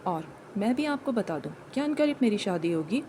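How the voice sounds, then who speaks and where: A woman's voice: medium pitch, sing-song, normal speed, dark tone, a little hiss or hum, natural voice. A woman voicing an earnest, lovestruck young man who keeps pleading his feelings in a dramatized story reading. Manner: earnest, repeats his confession insistently.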